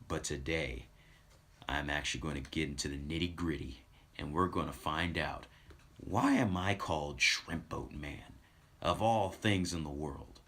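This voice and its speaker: A man with a deep, rumbling voice that sounds pushed and bright hosts a livestream, chatting casually with his viewers. He rambles from one story to the next while music plays in the background.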